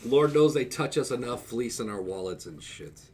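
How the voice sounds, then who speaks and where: A man co-hosting a podcast, chatting casually and teasing his friend in a playful, animated way. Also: mid-range voice, normal speed, a little hiss or hum. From United States. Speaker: podcast co-host. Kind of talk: casual banter.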